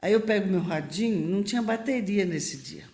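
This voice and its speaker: A middle-aged woman from Brazil, a missionary guest on a podcast, telling stories in a lively way, acting out the voices she quotes and laughing often. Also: medium pitch, brisk, vocal fry. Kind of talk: lively storytelling in a podcast interview.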